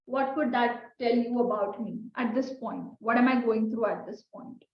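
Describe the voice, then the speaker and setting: A woman's voice: fairly high pitch, normal speed. A woman teaching a communication skills lesson in a conversational way, often asking her listeners questions. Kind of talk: recorded lesson. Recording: echoey room, dull sound.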